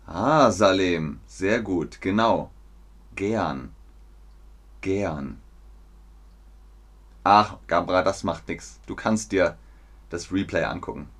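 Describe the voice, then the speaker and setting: A man's voice: low voice, lively intonation, takes it slowly, long pauses, a bit bright. A man teaching German pronunciation on a live stream, repeating words with exaggerated care and answering viewers in the chat. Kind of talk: live-streamed language lesson.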